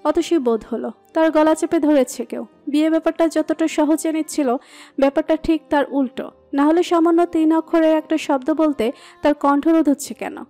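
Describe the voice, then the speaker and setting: A woman narrating a romantic audio story in a steady, expressive reading. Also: sits high, normal speed. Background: soft background music.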